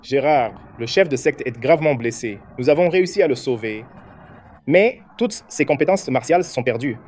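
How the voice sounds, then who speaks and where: An actor playing a grave subordinate in a dubbed drama. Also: male voice, mid-range voice, lively intonation, moderate pace, a little mellow, a little hiss or hum, natural voice. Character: grave male subordinate reporting bad news.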